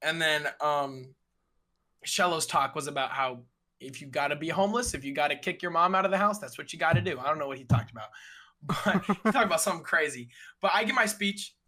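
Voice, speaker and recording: This streamer guest, a young man, speaks fairly quickly with a fairly high pitch and a bright, somewhat sharp tone. Recounting events in a relaxed chat, he uses animated slang and mimics the other people in the story.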